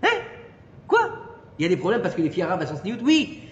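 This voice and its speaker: A man giving an informal Torah lesson to a small group, animated and peppering his listeners with questions. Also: high-pitched, fast talker, dull audio. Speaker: Torah teacher. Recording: echoey room with long reverb and faint noise.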